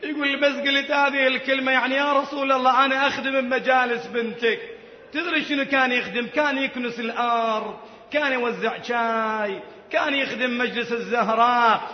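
A very high-pitched man delivers a religious sermon in slow, drawn-out, emotional phrases. His voice rings through a long, reverberant hall with a dull, muffled tone. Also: steady tone. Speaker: preacher. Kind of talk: Shia religious sermon recounting a story. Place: large shrine courtyard. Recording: echoey hall, dull sound, faint noise.

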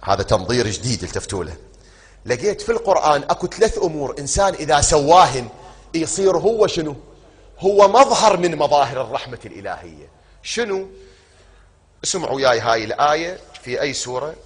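A man with an Iraqi Arabic accent delivers a sermon in a husky, slightly high voice. He keeps putting questions to his listeners and answering them himself, drawing key words out slowly for weight. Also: sing-song. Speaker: preacher.

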